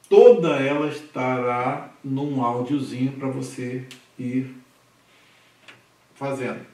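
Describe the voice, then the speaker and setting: A man's voice: fairly high pitch, darkish tone. A Brazilian man teaching a Hebrew literacy class, patiently drilling syllables aloud and checking in with his students. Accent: Brazilian Portuguese. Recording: echoey room recorded from a distance.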